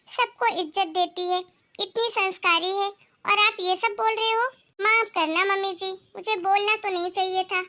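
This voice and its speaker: A proud young daughter-in-law from a rich family talks back firmly in a bright, very high cartoon voice, as a woman plays her. She is assertive and defiant. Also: heavily acted.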